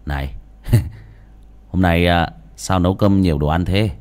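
A man's voice: deep voice, a little slow, a little mellow, voice pushed down. A man voicing a crude, bullying grown son who bellows and stammers in an audio story. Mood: blustering.

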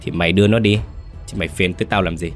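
A man's voice: low-pitched, brisk, soft background music, natural voice. A man voicing a cold, bullying young village teacher who talks down harshly.

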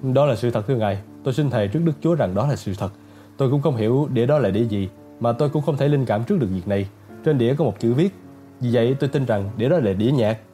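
A male narrator playing a nervous middle-aged butler who talks in a hurried, pleading way. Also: medium pitch, dark tone, faint music behind, lightly acted. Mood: anxious.

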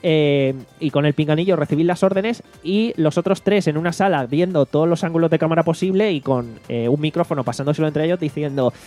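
Chatty man, slightly high voice. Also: brisk, few pauses, warm tone, soft background music. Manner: retells a comedy show with lots of fillers and swearing. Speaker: podcast host. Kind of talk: casual chat.

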